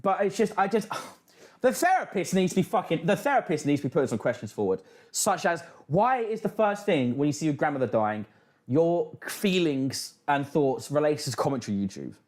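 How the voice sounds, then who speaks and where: A man's voice: on the high side, sing-song, moderate pace, darkish tone. A British man hosting a casual livestream, reacting and reading out chat with sweary, mocking banter. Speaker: livestream host.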